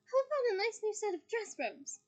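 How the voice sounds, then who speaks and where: A doting, fussing middle-aged mother, put on by a woman reading aloud who gushes in a breathless rush. The voice rides very high and swoops about with excitement. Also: brisk. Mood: fond, fussing. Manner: breathless, gushing, fretful.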